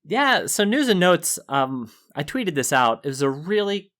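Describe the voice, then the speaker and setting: A man's voice: a little high, sing-song, unhurried, a bit bright. Chatty laughing man co-hosting a podcast. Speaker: podcast co-host. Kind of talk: casual chat.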